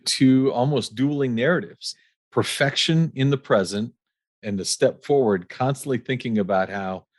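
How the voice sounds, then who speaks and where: A man's voice: mid-range voice, moderate pace, no echo, clean studio sound. A man hosting a podcast interview, enthusiastically recapping his guest's story. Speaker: podcast host.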